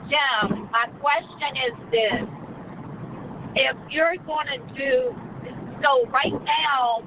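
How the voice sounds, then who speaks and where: A woman calling in from Maryland, asking hesitantly, her voice hollow and windy as if she were talking from inside a wind tunnel. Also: sits high. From Maryland, USA. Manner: hesitant, halting, with many restarts and fillers. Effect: hollow, windy sound as if talking from inside a wind tunnel. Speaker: caller. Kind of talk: call-in question to a radio host. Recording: muffled phone call with loud wind noise.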